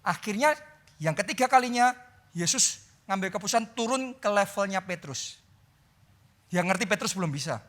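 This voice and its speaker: A male pastor preaching a sermon with an Indonesian accent, dramatic, moving from loud climaxes to hushed, prayerful lines. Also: expressive, normal speed. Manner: dramatic preaching that swings from loud and high to soft and low.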